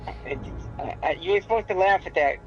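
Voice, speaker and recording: A man's voice: high-pitched, moderate pace, highs cut off, soft background music. Teasing man co-hosting a game stream. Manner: teasing, joking. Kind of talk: casual live-stream chat.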